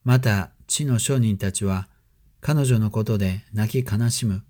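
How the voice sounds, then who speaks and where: A man giving a measured, solemn scripture reading as a scripted narration. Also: lowish voice, mellow. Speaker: scripture reader.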